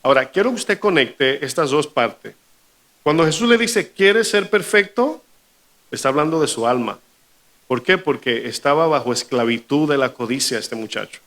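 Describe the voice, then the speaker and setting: Male pastor preaching a sermon, mid-pitched, lively with questions to the congregation. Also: normal speed.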